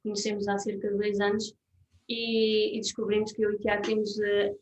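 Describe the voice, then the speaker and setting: A woman from Portugal, a musician interpreting at a talk, speaking haltingly with many fillers. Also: medium pitch, completely flat delivery, dull audio. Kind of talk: translating for a guest at a festival talk. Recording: roomy, distant, faint hiss.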